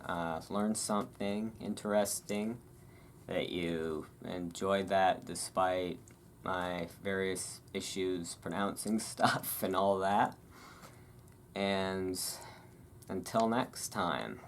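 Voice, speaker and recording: Recorded at home against thunderstorm ambience and room noise, a host speaks slowly in a low, steady voice. He drifts into casual, self-deprecating chatter in between reading passages of a book aloud for ASMR listeners.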